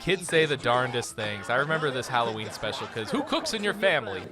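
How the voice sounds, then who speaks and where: A man's voice: mid-range voice, sing-song, brisk, music in the background. A man in his thirties giving casual, enthusiastic, nostalgic commentary as a cartoon reviewer.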